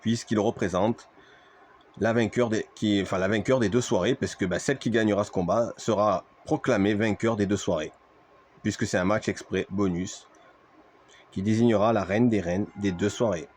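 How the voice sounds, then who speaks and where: Lowish-voiced man doing wrestling commentary. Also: steady tone, normal speed, darkish tone, a little hiss or hum. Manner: play-by-play wrestling commentator calls with repeated exclamations. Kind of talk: wrestling commentary of a video game match, addressed to viewers.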